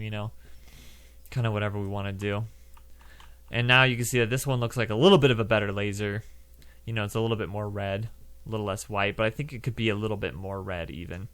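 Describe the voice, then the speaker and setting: A man's voice: medium pitch, a bit bright. A young man hosting a casual coding tutorial, chatting loosely through each step with lots of fillers. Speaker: game development tutorial host.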